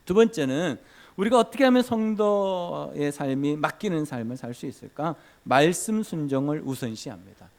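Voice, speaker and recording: A man's voice: normal speed, creaky, darkish tone. A man pastor giving a Sunday sermon in a church, acting out scenes dramatically. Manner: dramatic, acts out scenes with big pitch swings. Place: church sanctuary.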